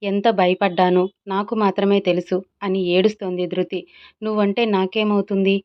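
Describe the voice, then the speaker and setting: A woman's voice: mid-range voice, level tone, moderate pace. A woman reading a romantic audio serial aloud, voicing both lovers with a tearful, pleading tone. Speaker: storyteller. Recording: slightly dull lo-fi audio.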